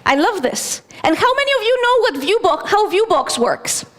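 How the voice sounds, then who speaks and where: High-voiced woman speaking in a large hall. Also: sing-song, normal speed, a bit bright. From Greece. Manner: chatty, self-deprecating, with fillers. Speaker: conference speaker. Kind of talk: technical conference talk. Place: conference hall stage. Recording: long reverb of a large hall.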